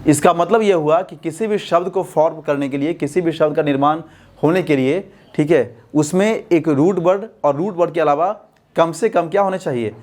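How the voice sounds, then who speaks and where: A man teaching a basic English grammar class. He asks the class questions and then answers them himself, and he slows right down to dictate when he spells words out. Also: on the high side, darkish tone. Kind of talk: classroom-style lesson explanation.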